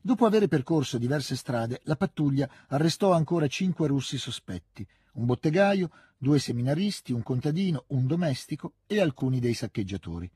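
A man giving a measured, even audiobook reading of a literary novel into a close studio mic. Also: mid-range voice, slightly rough, dry recording. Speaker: audiobook reader. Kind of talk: scripted literary narration.

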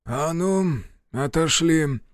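A man voicing a gruff army medic who barks orders and frets over a patient. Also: fairly high pitch, slow, no room sound, studio quality, voice pushed up. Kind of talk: audiobook character voice.

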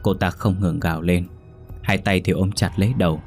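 A man narrating a ghost story in a calm, measured way. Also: sits low. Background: faint music.

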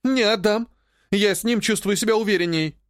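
A man's voice: high-pitched, normal speed, fairly bright tone, dry recording, clean studio sound, voice pushed up. A male audiobook reader voicing a capricious, spoiled young noblewoman who whines and sobs at her brother. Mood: stubborn. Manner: whiny, petulant, sobbing.

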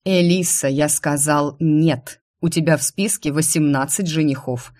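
A woman voicing a strict older baron scolding his daughter, speaking curt and gruff in an audiobook. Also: low voice, unhurried, a little mellow. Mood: stern. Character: stern older male baron, strict father.

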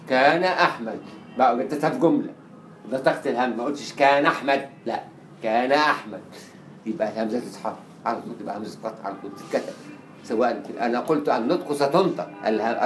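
A man with an Egyptian Arabic accent giving a lecture on Arabic writing. He is animated, acts out quoted dialogue and repeats words to drill pronunciation. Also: medium pitch. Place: lecture hall. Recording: echoey lecture room with faint hiss.

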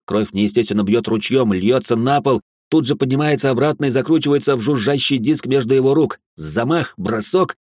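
A man narrating a story in the first person, tense and expressive, breaking into outbursts, close to the mic. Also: medium pitch, fairly quick, hardly any pauses, dry recording.

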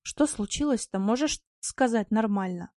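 A woman voicing a rough, quick-tempered yard tomcat who speaks gruffly and bluntly. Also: on the high side, lively intonation, dark tone, no room sound, studio quality, natural voice.

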